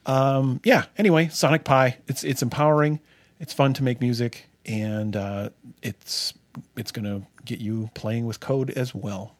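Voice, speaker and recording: A man co-hosting a podcast in casual chat, relaxed and enthusiastic. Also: medium pitch, unhurried, dry recording. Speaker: podcast co-host.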